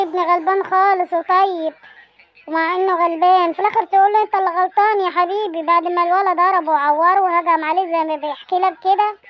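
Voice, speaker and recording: A woman with an Egyptian accent playing an indignant mother in a comedy sketch, scolding and complaining. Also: very high-pitched. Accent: Egyptian Arabic. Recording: lo-fi sound.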